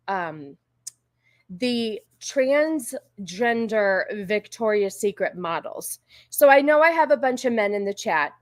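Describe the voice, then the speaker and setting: A woman with a slightly high voice hosts a livestream. She talks informally to her viewers and drifts from thought to thought. The sound is close and dry. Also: no echo. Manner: informal, rambling, easily sidetracked. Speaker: livestream host. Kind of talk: casual chat with live viewers.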